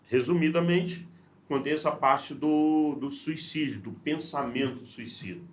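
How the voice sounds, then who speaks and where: A man's voice: on the high side, unhurried. A man, a leadership trainer who is a guest on a podcast, telling stories in a casual way, acting out the dialogue and often restarting his sentences. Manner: animated storyteller, acts out dialogue, frequent restarts. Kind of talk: casual storytelling conversation. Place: podcast studio.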